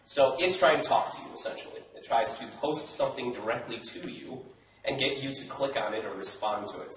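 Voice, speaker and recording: A man presents a technical talk in a college lecture hall, chatty and informal, with a medium pitch. His voice reaches the recording from across the room, echoing off the walls, and a faint room hum sits underneath. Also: distant mic. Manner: casual, chatty presenter with frequent "right?" and laughs. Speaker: conference speaker. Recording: echoey hall recorded from afar.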